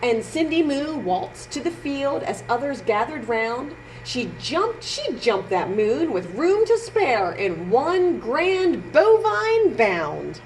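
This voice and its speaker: A children's librarian with a high, animated voice reads aloud expressively to young children at storytime. She uses a sing-song delivery and exaggerated emphasis, stopping to remark on the pictures, though the recording is rough with slight background noise.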